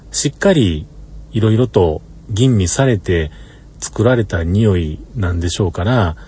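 Easygoing Kansai man, mellow low voice; solo chat recorded in a parked car, chuckling as he rambles. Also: a little hiss or hum. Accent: Kansai Japanese. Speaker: solo podcaster. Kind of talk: casual monologue.

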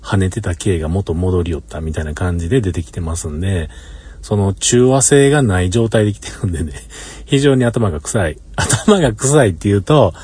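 A man's voice: low voice, lively intonation, normal speed, a little mellow, breathy edge. A man with a Kansai accent rambling in an easygoing way in a casual solo monologue, often chuckling, recorded inside a parked car. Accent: Kansai Japanese. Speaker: solo podcaster.

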